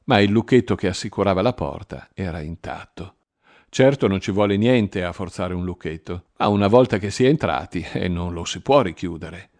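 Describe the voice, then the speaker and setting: A man's voice: deep voice, animated, darkish tone. Man narrating a crime audiobook. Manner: measured, dramatic reading.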